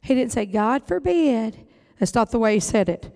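High-voiced preacher man. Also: quick pace, darkish tone. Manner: emphatic preaching, folksy Southern phrasing. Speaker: pastor. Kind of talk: sermon.

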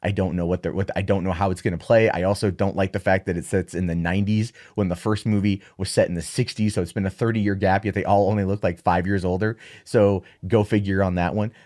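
A low-voiced man delivers opinionated solo commentary on film news. He is sarcastic and exasperated and drifts into animated rants. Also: fast, few pauses.

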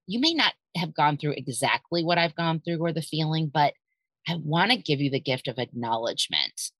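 A woman's voice: deep voice, expressive, moderate pace, a bit bright, no room sound, rough recording. A woman in her thirties hosting a podcast, telling her own story in a candid, confiding way with frank swearing. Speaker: podcast host.

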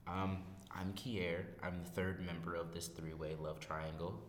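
A man's voice: sits low, monotone, unhurried. A nineteen-year-old man hosting a podcast in casual, self-deprecating, joking chat, recorded in an echoey study room. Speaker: podcast host. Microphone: podcast microphone. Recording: echoey room, reverb, background noise.

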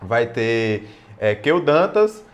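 Man, podcast co-host, medium pitch, breezy, plugs events. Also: very animated, drawn-out words. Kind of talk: casual chat.

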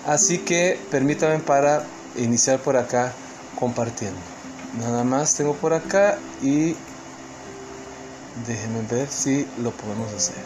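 A Costa Rican man speaking Costa Rican Spanish gives an online seminar talk in an earnest, emphatic manner, full of fillers and restarts. His voice is medium in pitch and measured in pace, with background noise audible.

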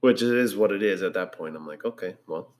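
A man's voice: sits low, a little fast. A man chatting casually with his wife, dry and teasing in a laid-back way. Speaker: husband, podcast guest. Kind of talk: casual couple chat.

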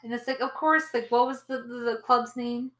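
A woman co-hosting a podcast in relaxed casual chat, trailing off with fillers. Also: fairly high pitch, moderate pace, reverberant. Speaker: podcast co-host.

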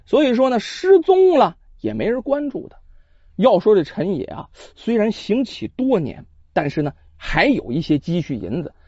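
A man tells an old tale in traditional storytelling style, his pitch swooping with energy and his asides chatty and direct. The recording is close and dry with a slightly muffled top end. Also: moderate pace, no room sound. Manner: animated, chatty asides to listeners.

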